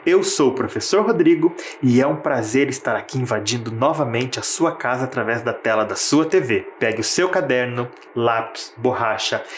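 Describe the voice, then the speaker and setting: A man's voice: mid-range voice, roomy sound, a little hiss or hum. A Brazilian Portuguese-speaking man teaching a televised lesson for children, patient and explanatory, often asking the viewer questions.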